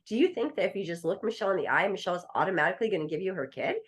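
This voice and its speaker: A middle-aged woman appears as a podcast interview guest, an estate planning attorney telling a story. Her lowish voice is expressive and very fast, and she acts out the voices of the people in her tale.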